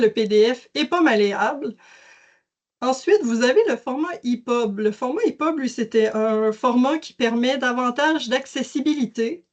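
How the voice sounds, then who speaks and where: A woman presenting a webinar, explaining a digital library in a casual way with many fillers and restarts. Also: fairly high pitch. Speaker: educational services presenter. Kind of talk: webinar software demonstration.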